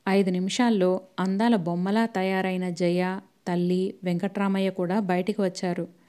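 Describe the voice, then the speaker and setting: Warm, mellow woman narrating a novel. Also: on the low side, flat delivery, moderate pace, smooth. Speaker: audiobook narrator.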